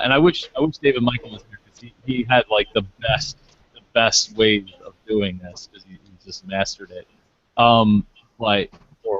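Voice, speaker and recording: A man's voice: medium pitch, fairly bright tone. A man hosts a casual group discussion over an online call and rambles through his points with restarts. His voice sits mid-range, and the call audio is dull and lo-fi. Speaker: podcast host. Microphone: online call microphone.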